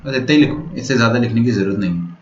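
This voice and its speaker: A man's voice: medium pitch, racing, darkish tone. Male maths teacher, patient step-by-step explainer, echoey room, dull lo-fi audio. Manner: explains step by step, checks often if students follow. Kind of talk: online lecture. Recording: roomy, dull lo-fi sound.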